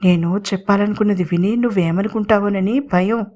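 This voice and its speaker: A woman narrator voicing a shy young woman in love, speaking in a lowered, hushed voice in an audio story. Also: a little fast, natural voice.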